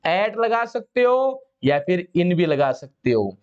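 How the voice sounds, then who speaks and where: A man's voice: high voice, very animated, slow pace, dull audio. A man from India teaching English grammar to a class, explaining step by step and repeating his own questions before answering them.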